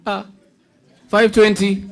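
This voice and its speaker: A man's voice: sits high, completely flat delivery, slow, gravelly. A man emceeing a live raffle draw at an event, playful and teasing, calling numbers like an auctioneer.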